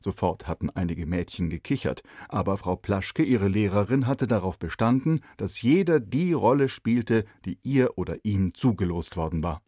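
A man narrating a children's story in an expressive, animated way. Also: lowish voice, moderate pace, hardly any pauses, no echo, clean studio sound.

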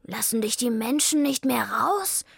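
A woman's voice: on the high side, lively intonation, measured pace, creaky, breathy edge, dry recording, studio quality, exaggerated voice. A woman voicing a sensible, slightly grumpy male tomcat in a children's story. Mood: doubtful.

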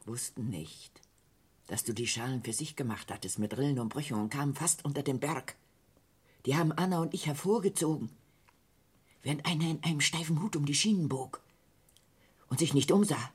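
An actress playing a sharp, sceptical sister in a surreal radio play, reproachful and insistent, with a husky voice. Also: female voice, low-pitched, moderate pace, long pauses.

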